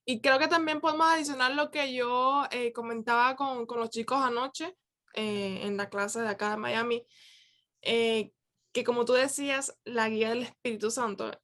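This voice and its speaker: Woman reflecting warmly in a youth class. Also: fairly high pitch, fairly even intonation, moderate pace. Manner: conversational, with many fillers and restarts. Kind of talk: casual reflective teaching. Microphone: video call.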